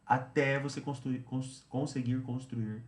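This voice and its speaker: A man's voice: medium pitch, level tone, measured pace. Chatty male teacher in a roomy space. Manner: chatty, repeats himself, tags phrases with "né". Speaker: English teacher. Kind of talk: explaining a study routine.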